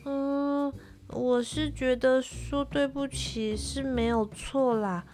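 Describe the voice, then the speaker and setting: A woman's voice: high voice, steady tone, slow, darkish tone, voice pushed up. Timid stammering little girl, as a woman puts her on. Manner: hesitant, stammering.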